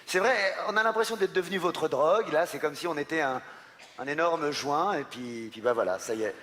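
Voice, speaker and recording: A man from France hosts a live comedy show, his voice sitting fairly high. He jokes in a playful, self-mocking way, full of little hesitations, and the sound rings through a large theatre with a faint hum behind. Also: fairly quick, a bit bright, long reverb tail. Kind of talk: stand-up comedy on stage. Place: large theatre stage with audience.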